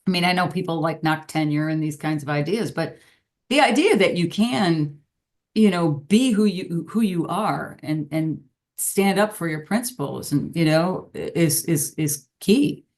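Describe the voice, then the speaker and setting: A middle-aged woman with a slightly low voice talks through her career in a loose, rambling interview style. She laughs often and restarts her thoughts as she goes. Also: expressive, measured pace, darkish tone. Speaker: guest, business professor. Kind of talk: casual interview conversation.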